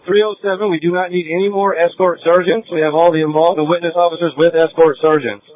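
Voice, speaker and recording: A man giving brisk, clipped orders in radio codes as a police officer running a scene, heard over police radio. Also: on the high side, steady tone, no room sound. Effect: police radio transmission. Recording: tinny dry police radio.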